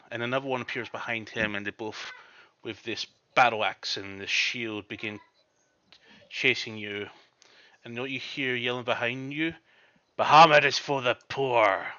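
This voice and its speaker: A man's voice: mid-range voice, measured pace. A man narrating a tabletop role-playing game as dungeon master. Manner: descriptive, with shouted quotes of villains. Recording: dull lo-fi mic with faint noise.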